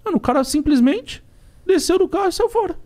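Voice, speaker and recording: A man's voice: very high-pitched, animated, quick pace, a little mellow. A young man, a ride-share driver telling a story as a podcast guest, full of slang and acted-out dialogue. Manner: slangy and street-talking, acts out dialogue.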